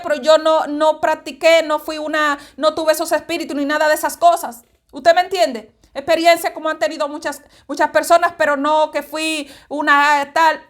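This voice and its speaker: Woman, very high voice, fervent evangelical message, repetitive, direct address. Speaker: evangelical preacher. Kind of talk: spoken religious reflection.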